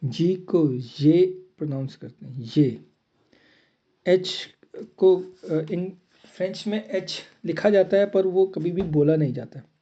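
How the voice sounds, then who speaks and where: A man teaching a lesson in a deliberate way, repeating each item twice. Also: sits high, mellow. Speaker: language teacher. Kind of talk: slow spoken lesson. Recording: slightly muffled lo-fi recording.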